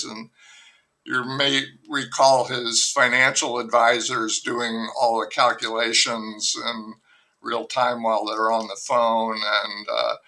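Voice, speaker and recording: The recording quality is low, capturing an older man with a medium-pitched voice. A novelist and podcast guest, he chats in a relaxed conversation, wandering wryly through his thoughts with many fillers and restarts.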